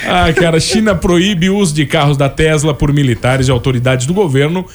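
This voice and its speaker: A man's voice: a little high, a little fast. A man with a southern Brazilian accent hosting a radio show with casual comedic banter. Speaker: radio host. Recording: music playing behind the voice. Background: background music.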